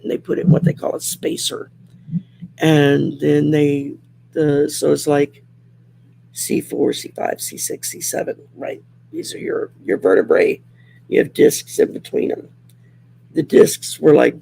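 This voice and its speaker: A middle-aged woman with a raspy, worn whiskey voice hosts a casual live chat in an unhurried, rambling, plain-spoken way. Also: deep voice, mellow, a little hiss or hum, poor audio. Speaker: live show host.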